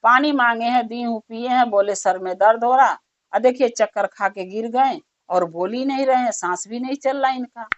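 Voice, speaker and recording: A merchant's wife wailing and pleading in homely village speech, full of self-pity, as a woman storyteller voices her. The voice sits high. The recording sounds dull and lo-fi. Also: moderate pace, lightly acted. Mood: lamenting. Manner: crying, lamenting in plain village speech. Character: wailing middle-aged merchant's wife, selfish.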